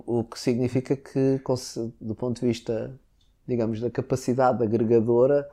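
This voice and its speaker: Man, European Portuguese accent, guest in a casual chat, hesitant with restarts, mellow dark voice. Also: medium pitch, level tone, normal speed. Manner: hesitant, with many restarts and filler words. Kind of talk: casual podcast conversation.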